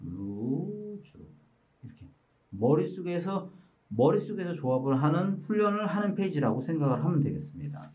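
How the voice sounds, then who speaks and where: Patient male teacher, lively pitch, muffled audio. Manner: patient, explains step by step, often reads sounds out slowly. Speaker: English teacher presenting his workbook. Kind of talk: explanatory lesson walkthrough.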